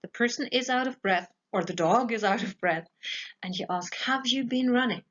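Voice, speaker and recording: Speaking at a normal speed in a mid-range, fairly bright voice, a woman gives a recorded English grammar lesson for schoolchildren. Patient and methodical, she often checks understanding with "okay?", and the voice-over has a slightly dull, lo-fi quality.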